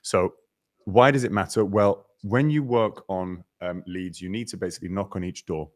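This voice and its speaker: A man hosting a live webinar, chatty and energetic, greeting viewers and walking through slides over a video call. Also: deep voice, normal speed, no echo, studio quality. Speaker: webinar host.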